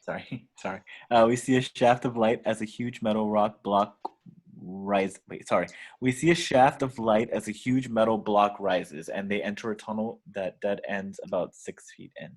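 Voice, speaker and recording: For a table read, a man narrates the action of a screenplay, reading the stage directions aloud. His voice sits on the low side, with a steady tone and a moderate pace.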